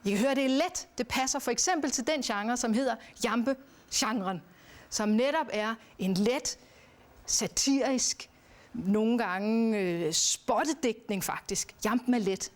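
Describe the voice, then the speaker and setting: A woman giving a recorded lesson on poetry, speaking in a measured way and chanting verse rhythms aloud. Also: on the high side. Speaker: teacher. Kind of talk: educational lecture.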